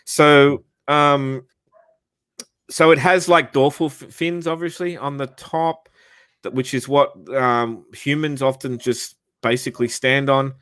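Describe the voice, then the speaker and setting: A man's voice: medium pitch, fairly even intonation, unhurried, fairly bright tone, clean tone, dry recording. A man hosting a casual chat, rambling with lots of fillers and restarts, swearing freely as he reads out facts. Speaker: podcast host.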